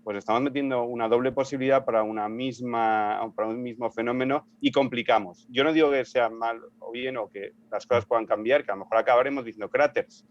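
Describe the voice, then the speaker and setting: A man's voice: mid-range voice, steady tone, fast talker, hardly any pauses, highs cut off. A man speaking in a casual panel discussion, thinking aloud and restarting his sentences. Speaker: panel guest.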